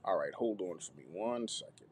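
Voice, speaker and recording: A man hosting a live teaching stream on content creation, lively, repeating himself and checking in with viewers. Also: low-pitched, normal speed. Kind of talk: YouTube live teaching session.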